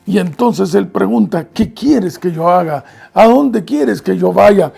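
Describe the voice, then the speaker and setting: A male preacher delivers an earnest sermon, reading scripture aloud and pausing to explain it. His voice sits high, with a heavily gravelly, husky texture. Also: lively intonation, warm tone.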